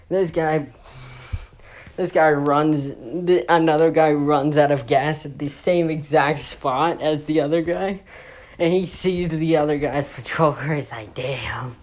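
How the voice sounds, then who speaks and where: Brief: woman, deep voice, slow, profane casual storyteller. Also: darkish tone. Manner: rambling, profane, with fillers and restarts.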